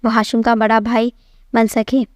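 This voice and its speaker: Woman doing a bearded old dwarf who preaches, scolding with sayings; her slightly high, flat, steady voice carries him in a dry, close storybook reading. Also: no echo, natural voice. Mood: lecturing. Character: bearded old male dwarf sage, lecturing. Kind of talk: storytelling narration.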